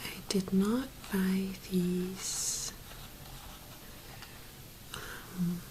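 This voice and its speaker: A woman speaking in a soft, hushed whisper, gently presenting an ASMR tapping video. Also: medium pitch, level tone, very slow, noisy background.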